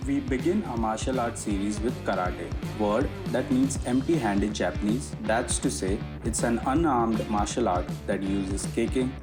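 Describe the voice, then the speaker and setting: A man reading a scripted narration for a community show in a steady, read-aloud way. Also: lowish voice, moderate pace, hardly any pauses, music in the background.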